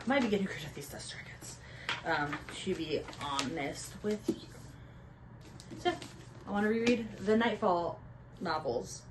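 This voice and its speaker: A young woman chatting casually about books she loves, gushing and sometimes dropping to a soft whisper. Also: low-pitched, background noise. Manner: gushing, drops to soft whispers when emotional. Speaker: book vlogger. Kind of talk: casual book chat.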